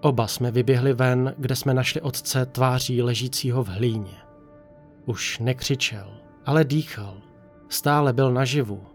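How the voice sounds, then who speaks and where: Calm man narrating a horror story. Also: mid-range voice. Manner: calm, measured first-person telling. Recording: narration over faint music.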